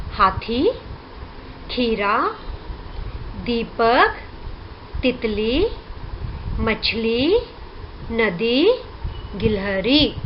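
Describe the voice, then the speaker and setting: A woman teaching a Hindi lesson to young children, drilling syllables clearly and often checking with the class. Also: fairly high pitch. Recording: dull lo-fi recording with faint hiss.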